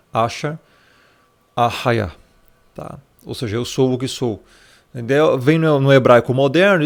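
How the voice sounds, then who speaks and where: A man teaches scripture in a relaxed Bible study, walking through it point by point. His voice has a gravelly rasp and sits at an ordinary middle pitch. He keeps it conversational, often tossing in little tag questions and calling the listener brother. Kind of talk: casual Bible study explained over a shared screen.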